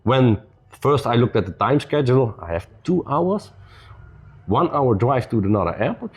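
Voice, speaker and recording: A man speaking as a podcast guest whose pitch rises and falls in lively swings as he tells a story. His English is loose and non-native, peppered with "you know," and his manner stays easygoing and upbeat. He is a middle-pitched, casual storyteller. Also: moderate pace, husky.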